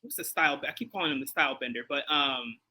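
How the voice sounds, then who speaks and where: Fast, bright-voiced man from Chicago. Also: mid-range voice, low-quality recording. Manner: animated, repeats himself and restarts, many fillers. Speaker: guest boxing pundit. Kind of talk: casual interview chat.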